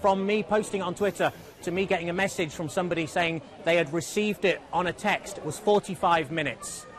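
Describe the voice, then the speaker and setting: Brief: higher male voice, rapid, trips over words. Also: soft background music. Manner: hurried, stumbling restarts. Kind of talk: interview.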